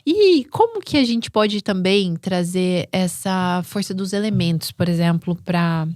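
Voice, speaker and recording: A woman's voice: lowish voice, lively intonation, measured pace, a little mellow, dry recording, clean studio sound. A Brazilian woman co-hosting a podcast, chatting casually and tagging her points with questions for agreement. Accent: Brazilian Portuguese. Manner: chatty, full of agreeing "né?" tags. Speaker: podcast co-host. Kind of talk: casual chat.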